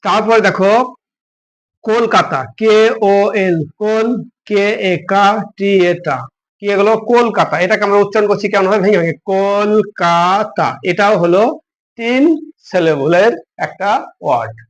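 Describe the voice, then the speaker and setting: A man's voice: sits high, moderate pace. A man teaching a grammar lesson, patiently spelling words out letter by letter and asking his students questions.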